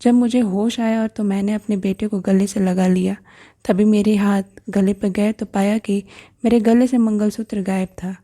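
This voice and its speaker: A woman narrating a first-person family story in a steady, plain storytelling delivery. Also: medium pitch, moderate pace.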